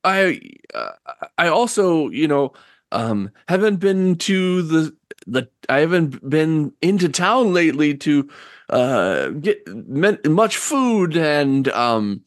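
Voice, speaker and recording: A man voicing a frail, lonely old woman in a tabletop role-play, speaking in a halting, timid, polite way. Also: extremely high pitch, animated, a bit bright, dry recording, clean studio sound, voice pushed up, exaggerated voice. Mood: sheepish.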